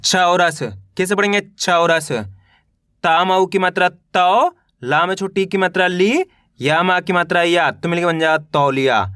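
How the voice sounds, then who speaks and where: Guy teaching kids to read, high bright voice, sounds out each letter slow, dry close sound. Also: fairly even intonation, clear, resonant tone, no room sound. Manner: slow, drawn-out letter-by-letter sounding out, repeats "कैसे पढ़ेंगे?". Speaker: Hindi reading teacher. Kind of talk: online reading lesson.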